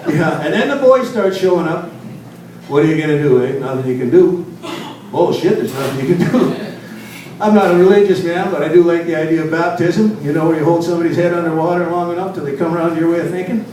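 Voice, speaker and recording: An older man performing a stand-up comedy set in a club, gruff and self-mocking, swearing through his punchlines. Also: fairly high pitch, fast, a little mellow, far from the mic, slight background noise. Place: comedy club with live audience. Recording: echoey club recorded from afar.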